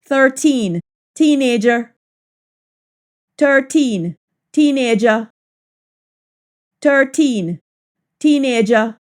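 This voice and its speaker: A woman with a Jamaican accent giving a language lesson, deliberately saying and repeating practice sentences in Jamaican Patois. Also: on the high side, animated. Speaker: language teacher.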